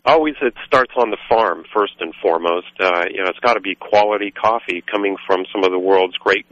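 A man from Guatemala, a coffee roaster and radio guest, talking in a rambling, halting way with many fillers. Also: low-pitched, a bit bright, no room sound. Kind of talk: radio interview. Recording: dull lo-fi radio sound.

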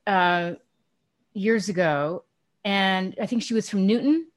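A woman's voice: medium pitch, slow. Woman hosting a conversational radio interview. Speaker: radio show host.

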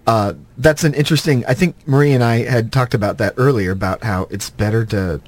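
A man's voice: medium pitch, brisk. Hesitant male radio co-host. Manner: hesitant, filler-heavy phrasing. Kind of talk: casual radio interview chat.

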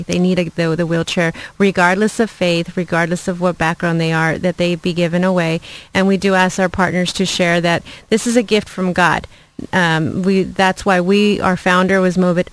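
A woman from Ecuador, a charity development officer, answering interview questions earnestly with frequent "uh" and "um" pauses. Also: lowish voice, smooth, dry recording, low-quality recording. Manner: earnest, many fillers and restarts.

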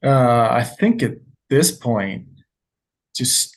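A man's voice: mid-range voice, sing-song, slow pace. A man directs documentaries and appears as a guest on a radio interview. He answers earnestly, telling stories and leaning on fillers as he recalls his experiences. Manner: earnest, storytelling, frequent fillers.

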